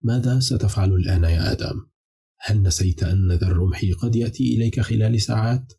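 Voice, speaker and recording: A man's voice: on the low side, fast, gravelly, warm tone, husky. A man voicing a chorus of cold, ominous enslaved demons in an audiobook, speaking in a grave, warning tone. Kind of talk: audiobook character reading.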